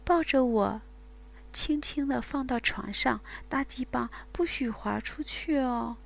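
A woman's voice: high voice, slow, gravelly, voice pushed up, exaggerated voice. A woman doing a breathless, pleading young lover.

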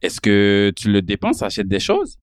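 A male podcast host in his thirties whose French carries a Creole tinge. His voice is smooth and resonant, recorded very dry and close. He speaks earnestly, often filling pauses with "euh". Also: on the low side, wildly swooping pitch, dry recording. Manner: earnest, with frequent "euh" fillers. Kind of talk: podcast interview and intro.

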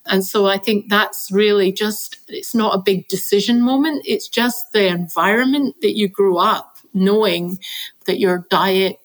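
A woman with a Scottish accent speaks as a guest on a podcast interview. She talks reflectively about her work, often pausing with fillers and restarting her sentences. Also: medium pitch, rough recording. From Scotland. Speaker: chief science officer, interview guest.

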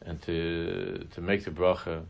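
A man teaching a religious class, telling a story in a halting way, often restarting his sentences. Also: low voice, flat delivery, gravelly. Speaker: Torah teacher.

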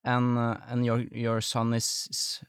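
A man hosts a casual interview podcast. His voice is medium in pitch and recorded dry, with little room sound. He phrases things tentatively and tends to ramble as he sets up his questions. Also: monotone, a little slow, clean tone, no echo. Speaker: podcast host.

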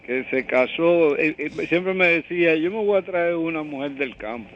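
Caller on a dull phone line. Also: male voice, fairly high pitch, normal speed. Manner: hesitant, filler-heavy storytelling. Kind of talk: storytelling over the phone.

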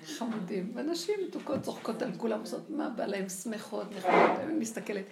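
Older woman lecturer, animated and gravelly, recorded in a roomy space. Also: mid-range voice. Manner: animated, acts out quoted voices. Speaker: religious teacher. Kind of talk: lively spoken Torah lecture. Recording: echoey room with faint noise.

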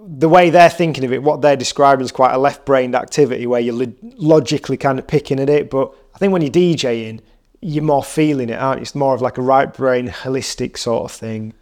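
A man hosting a podcast interview, musing aloud and asking relaxed follow-up questions. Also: mid-range voice, brisk. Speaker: podcast host. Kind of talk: casual interview chat.

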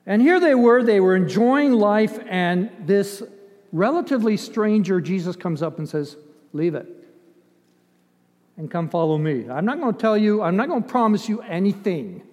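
A preacher, older and Ethiopian-raised, delivers his sermon in a high, darkish voice with lively intonation, at normal speed with frequent pauses. He stays emphatic but conversational, dramatizing asides and asking rhetorical questions. Long hall reverb is present.

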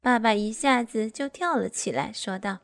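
A woman telling a first-person story aloud, steady and even. Her voice sits a little high. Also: moderate pace, in a large hall. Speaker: narrator.

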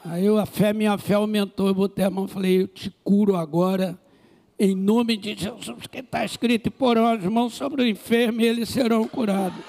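A man with a Brazilian Portuguese accent, a pastor telling a story in a sermon with animated comic asides. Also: high-pitched, fairly quick, vocal fry.

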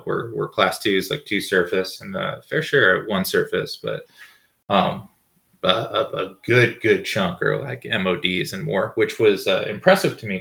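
A man's voice: lowish voice, vocal fry, bright, forceful tone. A man, a dentist hosting his own podcast, telling work stories in a rambling, profane, dry way. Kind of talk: casual solo podcast chat.

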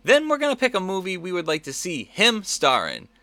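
A man's voice: high-pitched, huge pitch swings, fairly quick, sharp tone, no echo. A man hosting a podcast, reading scripted entertainment headlines with casual asides. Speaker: podcast host.

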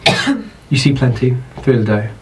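A man with a British accent, narrating as dungeon master in an unhurried, descriptive way. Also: medium pitch, sing-song, a little hiss or hum, rough recording. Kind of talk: narrating a tabletop game.

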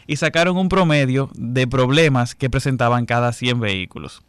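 A man, a guest explaining car rankings on radio in a measured way. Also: medium pitch, clean tone, no room sound.

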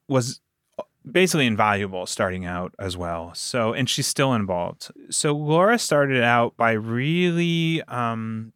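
An audio drama producer, appearing as a guest on a conversational podcast, explains and recounts things in an earnest, emphatic way. His mid-range voice has a fairly bright, clean tone, recorded dry with clean studio sound.

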